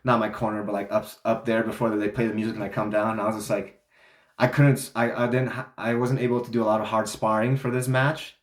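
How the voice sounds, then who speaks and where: A young vlogger with a lowish voice talks at a quick pace and a level tone, and the room sounds echoey. He tells a story casually and ramblingly, with lots of fillers and restarts. He sounds congested.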